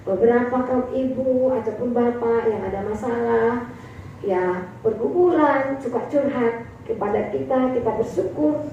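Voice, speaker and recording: A woman's voice: on the high side, measured pace, mellow, slight background noise. A woman pastor preaching a sermon, repeatedly addressing the congregation as "my brothers and sisters" and recounting a pastoral story. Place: church sanctuary. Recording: far-off echoey church hall, dull sound.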